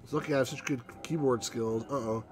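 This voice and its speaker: A man's voice: mid-range voice, steady tone, fast talker. A middle-aged man giving casual commentary as the host of a let's play. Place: small room at home, indoors. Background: faint game music.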